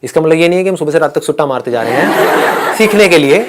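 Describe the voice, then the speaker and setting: A man's voice: on the high side, expressive, fast. A man giving an interactive motivational talk to a live audience in a hall, teasing and laughing with them. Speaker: motivational speaker.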